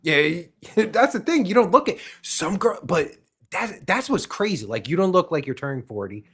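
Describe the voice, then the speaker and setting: A man's voice: high-pitched, sing-song, normal speed, a bit bright, slightly rough. A man hosting a podcast, talking in a rambling, crude way with lots of fillers. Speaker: podcast host. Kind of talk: casual chat.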